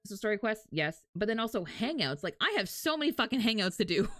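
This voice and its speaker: A woman of medium pitch talks fast during a game livestream, with a little hiss or hum in the recording. She chats casually and animatedly, swears here and there, and chuckles, backed by faint game music and character voice lines.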